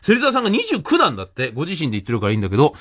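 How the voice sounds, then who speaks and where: A man telling a comic anecdote in an animated way, laughing as he goes and acting out what people said. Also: fairly high pitch, very fast. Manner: animated, laughs while telling, acts out quoted voices. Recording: noisy recording.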